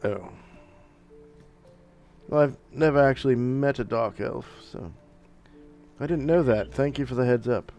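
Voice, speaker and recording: A man voicing a polite, calm half-elf knight woman through a voice changer during a tabletop game. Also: mid-range voice, a little slow, gravelly, pauses often, dull audio, soft background music. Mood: curious. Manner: soft-spoken, courteous, hesitant with fillers.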